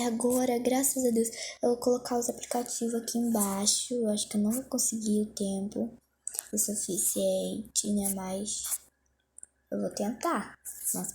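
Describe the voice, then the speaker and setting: A young woman talks to her viewers in a casual vlog, flustered and rushing, often teasing herself. Her voice sits a little high yet sounds mellow and soft-toned. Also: creaky. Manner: flustered, hurried, self-mocking. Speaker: vlogger. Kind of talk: casual self-talk during a timed phone challenge.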